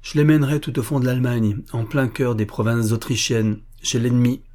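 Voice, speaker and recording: A man's voice: medium pitch, fairly even intonation, brisk, mellow, lightly acted. A man voicing a young captain of dragoons, speaking formally and earnestly to his men. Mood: resolute.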